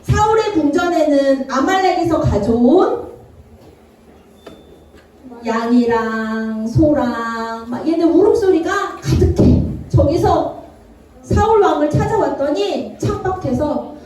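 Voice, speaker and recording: A woman preaches to children with a high, swooping voice that is dark and mellow in tone. The sound is roomy and distant, with a faint church ambience behind her. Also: slow pace. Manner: animated, playful, acts out characters and asks the children questions. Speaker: children's Sunday school preacher. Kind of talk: lively children's sermon with acted Bible voices. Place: church worship room.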